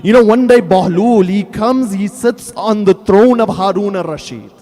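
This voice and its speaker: A man preaching a devotional sermon in an earnest, measured way, with long pauses. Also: high voice, warm tone. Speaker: Islamic preacher. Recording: long hall reverb.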